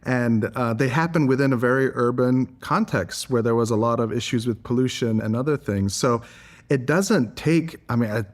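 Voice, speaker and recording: An environmental advocate from Singapore answers interview questions in an earnest, articulate and reflective way. His voice is medium in pitch and he speaks at a moderate pace.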